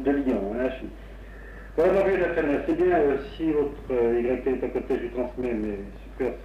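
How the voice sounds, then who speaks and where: A man's medium-pitched, mellow voice drifts through a roomy, dull 1960s AM recording, picked up by a crystal broadcast-style microphone roughly a metre off. He's a radio amateur at his home station, chatting on air about his equipment in a rambling, technical way with frequent hesitations and pauses. Slight background noise is present.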